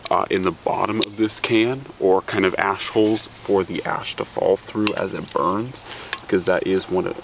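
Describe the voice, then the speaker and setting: A man's voice: low-pitched, fairly even intonation, moderate pace, vocal fry, background noise. A young man chatting loosely through an outdoor how-to demonstration, seated in a woodland, recorded on a camera mic. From Alaska. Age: young adult. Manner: chatty and loose, with fillers and restarts. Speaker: outdoors vlogger.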